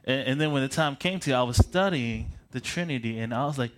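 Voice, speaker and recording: Speaking fairly quickly in a mid-range voice, a pastor from Michigan in his late twenties opens with a prayer. He then introduces himself as a preacher in a casual, self-mocking way, pacing, chuckling, and often starting phrases over.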